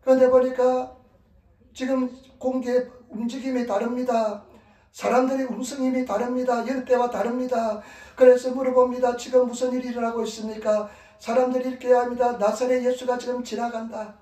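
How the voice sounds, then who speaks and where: High-voiced pastor preaching in an echoey church. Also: male voice, little pitch movement, fairly quick, dark tone, far from the mic. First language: Korean, preaching in Korean in Japan. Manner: emphatic, repetitive exhortation. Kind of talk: sermon. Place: church sanctuary. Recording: echoey room, voice from off-mic.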